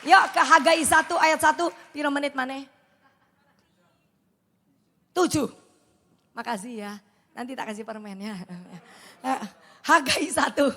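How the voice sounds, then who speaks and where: A middle-aged woman preacher, delivering a sermon with animated storytelling and acted-out dialogue. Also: sits high, unhurried, long pauses. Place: large church hall. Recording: long hall reverb.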